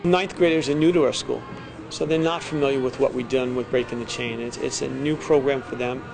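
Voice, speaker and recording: A man's voice: mid-range voice, steady tone, a little fast, gravelly, rough recording. A middle-aged man, a teacher, telling his story and explaining in an interview style. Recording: music behind the voice. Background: music.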